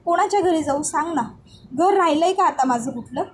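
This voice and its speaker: A woman's voice: very high voice, expressive, brisk, a little hiss or hum. A woman voicing a distressed young married woman who pleads with her family through tears. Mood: tearful. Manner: pleading, tearful.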